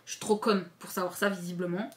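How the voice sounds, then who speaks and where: A woman's voice: on the low side, fairly even intonation, fast talker. Candid, crude-talking woman vlogger. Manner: chatty, candid and crude, with many restarts; playful, jumping between loud and mumbled asides. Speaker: YouTuber. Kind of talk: casual vlog chat to camera.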